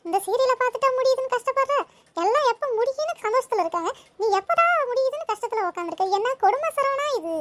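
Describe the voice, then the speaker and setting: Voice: very high-pitched, animated, fast, a bit bright, a little hiss or hum. A voice actor playing a cheeky, chatty little girl hosting a comic home-tour vlog in a cartoon. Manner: chatty, boastful.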